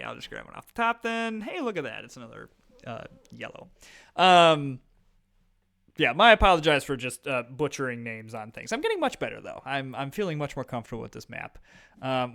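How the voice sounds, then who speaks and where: A man's voice: medium pitch, vocal fry, fairly bright tone, smooth. A man in his thirties with a Midwestern American accent, rambling casually with lots of fillers while playing a board game online. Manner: rambling, filler-heavy, self-deprecating. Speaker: gaming YouTuber. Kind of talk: casual let's-play commentary.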